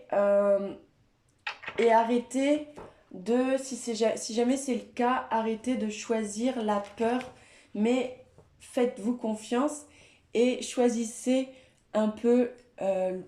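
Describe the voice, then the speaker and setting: Slow, gentle French woman reading cards. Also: a little high, echoey room. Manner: gentle, hesitant, many fillers. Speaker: tarot and oracle card reader. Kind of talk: spiritual card reading guidance.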